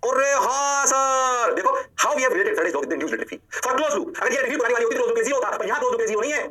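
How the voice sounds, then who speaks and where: Fast, bright-voiced physics teacher. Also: male voice, very high voice, breathy edge. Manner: animated, playful catchphrases, rhetorical questions to students. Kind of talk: energetic online lecture.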